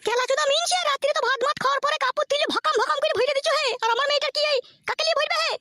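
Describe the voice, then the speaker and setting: A woman's voice: extremely high pitch, steady tone, rapid-fire, very noisy. A woman doing a bossy, earthy cartoon mother. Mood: scolding. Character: bossy, crude village mother giving blunt advice. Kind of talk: cartoon voice acting.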